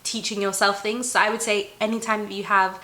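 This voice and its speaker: A young woman host gives advice in a loose, chatty and encouraging manner. Her voice is bright and sharp-edged at an average female pitch. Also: level tone, a little fast. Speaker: talk show host. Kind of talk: casual advice chat.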